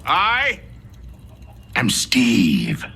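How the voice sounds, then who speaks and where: A man playing Steve, an earnest, goofy adult miner and crafter, narrating a movie trailer with dramatic storybook delivery and sudden comic leaps in pitch. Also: huge pitch swings, extremely slow, gravelly, exaggerated voice. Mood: grand. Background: loud trailer music.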